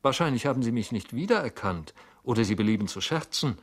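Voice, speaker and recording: A man's voice: mid-range voice, lively intonation, fast, pitched above the performer's own voice, natural voice. A man voicing an anxious, fretful government clerk who mutters and scolds himself, in an audiobook reading. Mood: bewildered.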